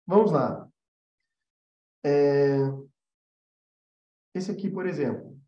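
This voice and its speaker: Extremely slow yet animated, a Brazilian man with a somewhat high voice teaches animation in a casual live stream, repeating key points for emphasis. The audio has a roomy echo and a slightly dull quality.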